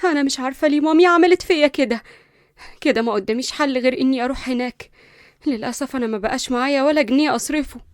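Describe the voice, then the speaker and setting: A woman puts on a spoiled, arrogant young woman from a storybook, with an Egyptian Arabic accent. She talks fast and fairly high, loud and scornful, and the recording sounds close and dry. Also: no room sound, close to an everyday voice. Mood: indignant.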